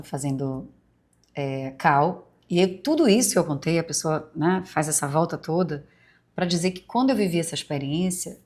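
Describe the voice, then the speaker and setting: A forties-aged woman, whose Bahian Brazilian Portuguese has been softened by years in Rio, talks in a low, unhurried register on her podcast. She wanders reflectively through memories with many tangents and fillers, sounding like she's sharing secrets with friends.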